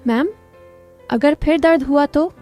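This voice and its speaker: A woman's voice: high voice, slow, dark tone, soft background music, pitched above the performer's own voice. Bashful young man patient, as a woman narrator voices him. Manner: hesitant, bashful.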